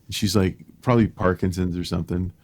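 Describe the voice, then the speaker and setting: Deep-voiced man telling stories animatedly. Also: quick pace. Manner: animated storyteller, laughs at own tales, many restarts. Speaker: podcast co-host. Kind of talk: casual storytelling chat.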